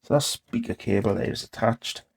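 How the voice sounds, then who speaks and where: The host of a DIY repair channel thinks aloud as he works with his hands, speaking casually to himself in short, tentative phrases. His fairly low voice is gravelly and slightly rough, at a moderate pace.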